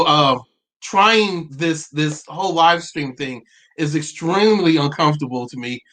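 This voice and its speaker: A man in his forties hosting a live-streamed talk, earnest and halting, stopping often to restart and to read out viewer comments. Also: fairly high pitch, fairly bright tone. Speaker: livestream host.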